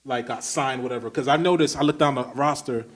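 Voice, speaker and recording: A man's voice: medium pitch, fairly quick. A male podcast host from Brooklyn, talking in an easygoing, chatty way. He asks long, winding questions with a lot of enthusiasm and keeps the conversation loose and friendly. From Brooklyn, New York. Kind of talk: casual interview chat.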